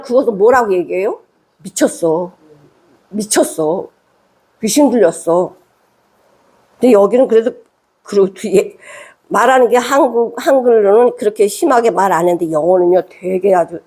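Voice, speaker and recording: A woman pastor gives a sermon with a rather high, husky voice. She reads scripture aloud, then talks it through plainly, with many rhetorical questions put to her listeners. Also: darkish tone. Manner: conversational preaching with rhetorical questions.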